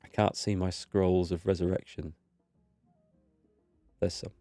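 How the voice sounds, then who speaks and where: A gaming video host, still getting over a cold that has left his nose stuffy and his voice not fully back, plays a game in a relaxed let's play. His voice is low, dark, and flat, his pace measured, and there's no echo but soft music underneath. He's easygoing, thinks aloud as he plays, and reads the in-game text.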